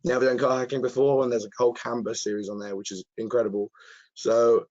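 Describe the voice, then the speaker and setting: A man with a hoarse, croaky voice answers questions as an earnest, enthusiastic presenter in a live webinar. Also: medium pitch, flat delivery, fast talker, darkish tone, lo-fi sound. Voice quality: croaky, husky. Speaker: presenter, cyber security content author.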